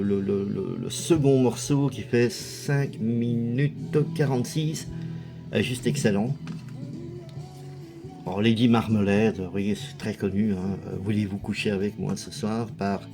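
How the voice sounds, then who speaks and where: A man casually commenting as a video host, chatty and hesitant, with lots of fillers. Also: on the low side. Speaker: video host showing a music collection.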